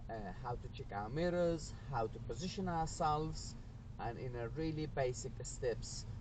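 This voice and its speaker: A man working as a driving instructor, giving a careful, unhurried step-by-step commentary in short phrases from inside a moving car. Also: a little high. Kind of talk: driving lesson commentary, step-by-step spoken demonstration. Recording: noisy car interior, distant mic, road noise.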